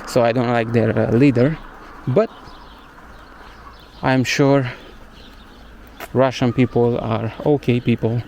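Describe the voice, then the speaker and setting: Walking outdoors through a village, a young Romanian-accented man, Romanian being his first language, gives casual vlog narration as a travel vlogger, hesitating as he hunts for English words. His mid-range, darkish voice keeps fairly even intonation at a slow pace with long pauses. A little hiss or hum is audible.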